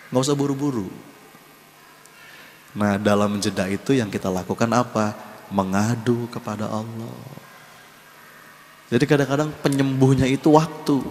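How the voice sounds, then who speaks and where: A man's voice: on the low side, slight background noise. Emphatic male preacher in a reverberant hall. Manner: animated, emphatic, repeats key words and addresses the audience directly. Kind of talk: sermon.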